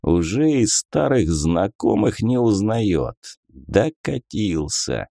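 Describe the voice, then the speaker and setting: A man voicing a hooded, grumpy male spirit of the dead in a storybook, hoarse, gruff and dismissive. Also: lowish voice, very animated, slow, mellow, dry recording, clean studio sound, full character voice. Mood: grumbling. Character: hooded male death-spirit guide, grumpy, world-weary.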